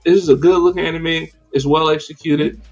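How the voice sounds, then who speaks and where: A man hosting a casual livestreamed podcast, talking in an animated, slangy and profane way with many fillers. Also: a little high, fairly quick, muffled recording, soft background music. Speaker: podcast host.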